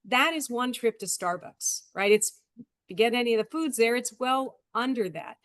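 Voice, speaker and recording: A woman's voice: a little high, expressive, normal speed, fairly bright tone, no echo. A woman giving an earnest supportive speech over a video call, appealing to listeners to help a program. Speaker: guest speaker supporting the program.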